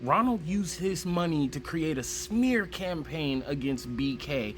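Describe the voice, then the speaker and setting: A man's voice: fairly high pitch, animated, unhurried. A man telling a comedic story in profane, slangy, exaggerated style.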